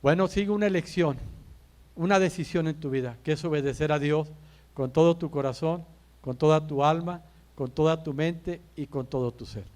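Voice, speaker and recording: Man, pastor, church sermon, fairly high voice, rhetorical questions, emphatic pauses. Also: darkish tone. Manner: addresses listeners as brother.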